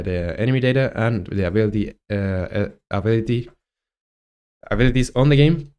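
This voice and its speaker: This twenty-something game developer streams his coding, talking it through haltingly with frequent fillers in a Chilean Spanish accent. His fairly low voice sounds dark and smooth.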